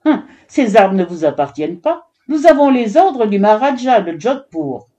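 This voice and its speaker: A woman's voice: on the high side, very animated, normal speed, warm tone, voice pushed up. Woman voicing a scornful woodcutter chief. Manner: barking, dismissive.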